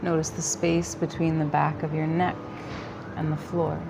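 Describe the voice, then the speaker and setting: A woman guiding a yoga nidra relaxation in a calm, soothing, gentle manner with long pauses between phrases. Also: deep voice, gravelly, over music, low-quality recording. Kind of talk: guided relaxation meditation.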